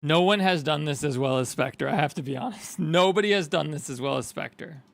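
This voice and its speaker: A man's voice: on the high side, fairly quick, vocal fry. A man chatting casually as a streamer, giving live reaction commentary on a video.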